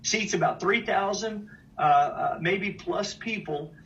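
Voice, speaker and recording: A man's voice: high-pitched, slow, fairly bright tone. Man preaching, drags out big phrases, sounds far from the mic, kinda muffled. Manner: emphatic, draws out key phrases, lists places. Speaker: minister. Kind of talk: preaching-style talk. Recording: distant, dull mic with faint noise.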